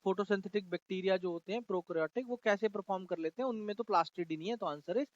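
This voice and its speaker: High-voiced male teacher. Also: no room sound, highs cut off. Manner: chatty, addresses students as beta; reads English textbook lines slowly. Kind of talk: classroom lesson.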